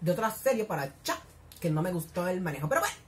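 A woman giving reaction commentary as a YouTuber, excitable and gushing, full of exclamations. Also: lowish voice, fast, slight background noise.

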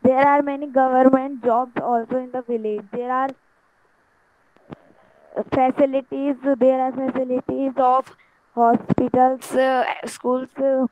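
A woman's voice: high-pitched, flat delivery, unhurried, narrow, tinny audio, a little hiss or hum. A woman with a North Indian accent and Hindi as first language, giving a hesitant English practice talk, restarting her phrases. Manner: hesitant, repeating phrase starts. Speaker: English learner in an online class. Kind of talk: halting speaking-practice presentation.

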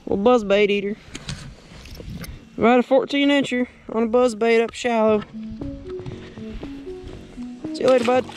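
Fishing from a small lake boat, a young American vlogger keeps up casual, folksy commentary in a very high-pitched, steady voice at normal speed, repeating short phrases. His action camera, worn or held at arm's length, picks up boat and outdoor sounds plus faint music.

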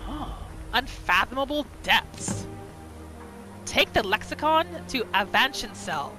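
Over faint game music, a woman hosts a gaming video with reactive roleplay commentary, narrating her character in the third person. Her voice is slightly high, animated, and slow.

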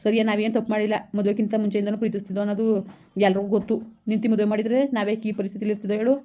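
A woman playing a gentle young village husband who keeps coaxing his pregnant wife. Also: mid-range voice, little pitch movement, very fast, highs cut off, close to an everyday voice. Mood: soothing. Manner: soothing, repetitive coaxing. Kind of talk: village skit acting.

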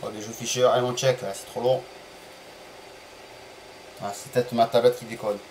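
A man streaming a football management game live, chatting to viewers, apologizing for stream bugs and calling plays with bursts of excitement. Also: mid-range voice, moderate pace, slight background noise, low-quality recording. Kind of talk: live gameplay commentary.

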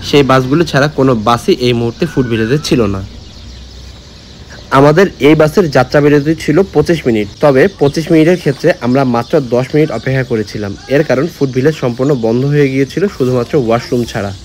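A man's voice: medium pitch, quick pace, darkish tone, a little hiss or hum. A man narrating a travel vlog in a scripted voice-over, describing and reviewing a bus journey. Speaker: travel vlogger.

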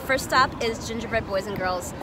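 Bubbly high-voiced woman hosting outdoors. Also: normal speed, background noise. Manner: bubbly, laughs often. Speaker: host. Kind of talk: casual vlog chat. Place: outdoor holiday market in a busy city park. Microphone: phone camera held at arm's length. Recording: outdoor phone video with loud crowd. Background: loud crowd.

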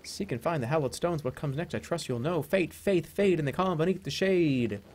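Man doing a hushed, grave game sage, slow and solemn, mock-mystical. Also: on the high side, a little hiss or hum, natural voice.

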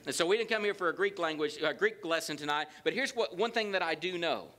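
A middle-aged man with a Southern American accent preaches a sermon fast in a fairly high voice, animated and gesturing widely, dropping folksy asides between scripture quotes. He's in a large church sanctuary with empty pews, on a lectern mic he sometimes roams away from.

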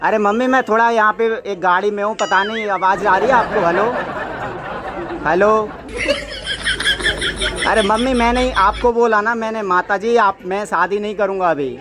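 Young man, high voice, loud fake phone call, crowd chatter behind, noisy train. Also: normal speed, long pauses. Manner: loud, talking to a phone, cooing and coaxing. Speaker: prankster. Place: metro train.

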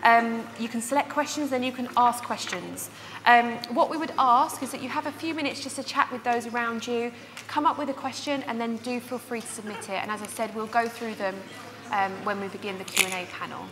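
A woman's voice: fairly high pitch, steady tone, a little fast, noisy background. A woman hosting a student panel on stage in a large lecture hall, friendly and full of ums. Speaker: event host. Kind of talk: hosting a panel at a welcome talk. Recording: hall reverb with audience ambience.

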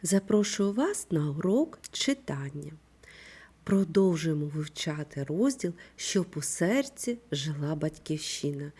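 A woman teaching a primary school reading lesson, speaking slowly and clearly in an instructive manner. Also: on the low side. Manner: slow, clear, instructive delivery with lively intonation. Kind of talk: scripted online reading lesson.

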